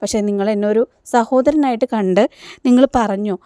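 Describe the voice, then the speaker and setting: A woman voicing a kind young male auto driver who asks gentle, concerned questions. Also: medium pitch, fairly quick, clear, resonant tone, no echo, clean studio sound, lightly acted.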